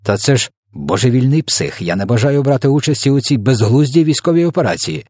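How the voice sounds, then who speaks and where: A man's voice: lowish voice, quick pace, a little mellow, no echo, studio quality, close to an everyday voice. A man reading an audiobook, voicing a blunt, hot-tempered male army general. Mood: blustering. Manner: blustering, blunt. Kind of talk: storybook character voice.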